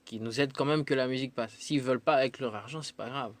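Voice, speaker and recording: Fast and medium-pitched, the man talks as a musician guest on the radio. He comes from the Democratic Republic of the Congo and answers with care, though he hesitates and uses many fillers.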